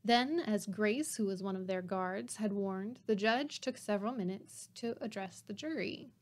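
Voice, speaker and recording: A woman's voice: medium pitch, normal speed. A woman hosting a podcast, reading a novel aloud with wry, sarcastic asides between passages. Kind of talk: casual read-aloud with joking asides.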